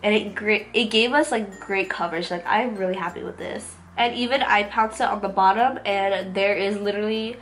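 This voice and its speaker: A woman in her twenties, a beauty vlogger, reviews makeup with casual, gushing enthusiasm, barely pausing at all. Her medium-pitched voice is a bit bright and moves at a normal speed, though it's nasal and congested because she's recovering from a cold. She's in a small room at home, with music in the background.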